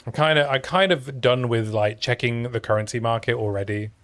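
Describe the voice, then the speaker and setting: Speaking briskly and mid-pitched, a young man streams a game with a gentle, soothing voice fit for sleep stories. He stays relaxed and chatty, keeping up casual commentary and pausing between plays to respond to his chat.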